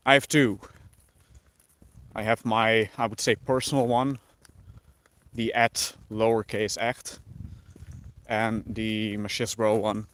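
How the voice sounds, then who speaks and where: With a lowish voice and long pauses, this Dutchman takes his time while casually chatting on a livestream. He reads chat aloud and answers thoughtfully, his Dutch accent light.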